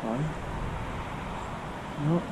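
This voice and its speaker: A man narrating his own fishing live on a canal bank, excitedly repeating words as he reels in fish. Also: drawn-out words. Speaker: angler filming his fishing. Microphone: head-mounted action camera. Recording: outdoor noise on action camera.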